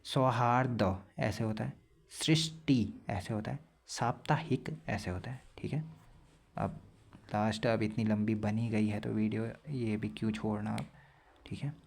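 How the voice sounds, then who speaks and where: A young man teaching a casual spelling lesson for exam prep, explaining plainly and repeating words slowly to correct them. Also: lowish voice, fairly even intonation, vocal fry, breathy edge.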